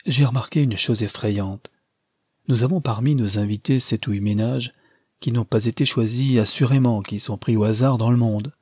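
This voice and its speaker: A man voicing a serious, troubled young gentleman who speaks in a confiding tone. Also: medium pitch, moderate pace, husky, no echo, studio quality, natural voice. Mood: earnest.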